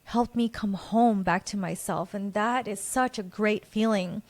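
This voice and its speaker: A woman from Guatemala speaks alone into a close podcast mic, earnest and reflective as she opens up about her own life. Her voice sits at an ordinary middle pitch. The sound is dry, with no room echo. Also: a little slow. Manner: earnest, reflective, openly personal. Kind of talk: personal solo monologue.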